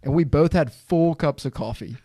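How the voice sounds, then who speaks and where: A man hosting a podcast in a studio, telling stories in a lively, laughing way. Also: on the high side, moderate pace, dry recording. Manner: animated storyteller, laughs while telling. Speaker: podcast host. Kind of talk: casual podcast chat.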